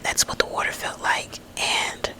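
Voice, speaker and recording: A woman rambling gently in a breathy ASMR whisper, lingering on drawn-out words. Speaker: ASMR host.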